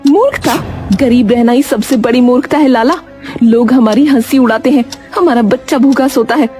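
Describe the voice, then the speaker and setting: A woman's voice: a little high, moderate pace, faint music behind, lightly acted. Woman doing a greedy, headstrong wife. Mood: greedy, insistent. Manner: insistent, sharp-tongued.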